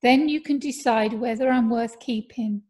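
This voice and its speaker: A woman voicing a young male footballer in an audiobook, earnest and reassuring, a little louder than her narration. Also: a little high, moderate pace, close to an everyday voice.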